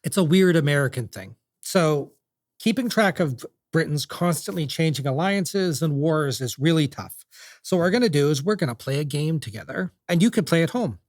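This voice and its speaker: A man's voice: on the high side, animated, moderate pace, darkish tone, no room sound. Chatty man explaining history. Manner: chatty, jokey storytelling. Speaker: podcast host.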